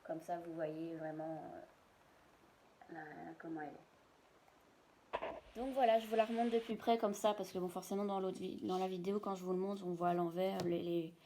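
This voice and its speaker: Casual home vlogger, female, slightly low-pitched, hesitant and talkative, light noise behind. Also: steady tone, a little fast, warm tone. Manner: chatty, rambling, many hesitations. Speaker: vlogger showing shopping finds. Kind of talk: casual product show-and-tell. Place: at home, indoors.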